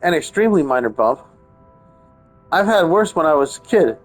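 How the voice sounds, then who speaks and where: A game streamer plays a visual novel, offering casual let's-play commentary and reading the narration aloud with wry, sarcastic asides. His voice is a little high and sing-song at a normal speed, with the game's background music behind him.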